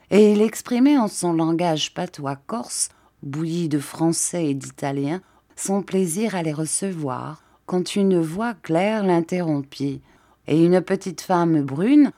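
A woman reading a classic novel aloud as an audiobook, in a measured, expressive way. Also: low voice. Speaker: audiobook reader. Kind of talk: scripted narration of a classic novel.

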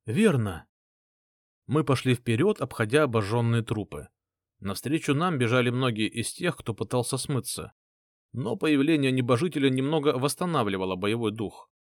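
A man reads a first-person audiobook with an expressive, lively delivery and swinging intonation. His voice sits at an ordinary middle pitch. The recording is close and dry. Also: moderate pace, no room sound. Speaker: audiobook narrator.

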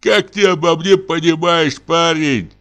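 A man's voice: mid-range voice, animated, moderate pace, bright, forceful tone, faint music behind, pitched above the performer's own voice. A man reading an audiobook, voicing an old, frightened, pious forester who whines plaintively. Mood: fearful whine. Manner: whining, plaintive.

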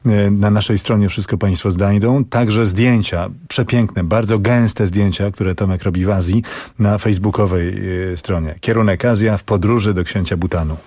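A man presenting on radio in a relaxed studio manner, with a few fillers. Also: fairly low pitch, moderate pace, no echo.

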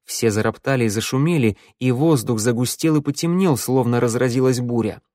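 A man reading a dark fantasy audiobook in a steady storytelling voice, close to the microphone. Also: mid-range voice, fairly quick, no echo. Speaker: audiobook narrator. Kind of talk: scripted narration.

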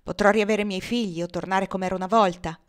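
A woman's voice: medium pitch, fairly even intonation, fast talker, close to an everyday voice. A woman reading the part of a bitter, grieving enslaved woman, grave and intense in a storybook reading. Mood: bitter grief.

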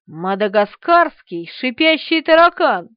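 A woman's voice: high-pitched, sing-song, a little slow, no room sound, highs cut off. A woman voicing an eager young man who fusses over his pets, in an urgent, fussing manner, reading an audiobook.

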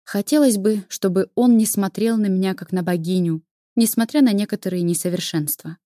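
A woman's voice: mid-range voice, a little fast, warm tone, no room sound, clean studio sound. A woman reading a novel aloud as its first-person narrator, telling the story expressively. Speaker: audiobook narrator.

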